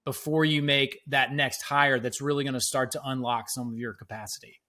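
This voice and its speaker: A man's voice: medium pitch, steady tone, a little fast, pushed and bright. A middle-aged man, a guest on a business podcast, explaining his ideas patiently and in small steps, like a former teacher. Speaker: guest, education entrepreneur. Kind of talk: podcast interview answers.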